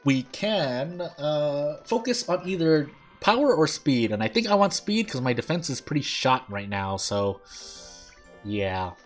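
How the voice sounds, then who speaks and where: A gaming streamer with a voice on the high side rambles and thinks aloud in unhurried but very animated game commentary, his overbite making his teeth catch his lip on some sounds. Game music plays behind him.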